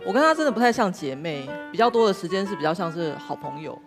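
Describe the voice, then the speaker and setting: A woman guest tells a personal story candidly, sometimes jumping high when she acts out her own outbursts. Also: lively intonation, fast, over music. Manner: candid, acts out quoted outbursts with sudden high bursts and laughs. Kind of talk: emotional personal storytelling on a talk show.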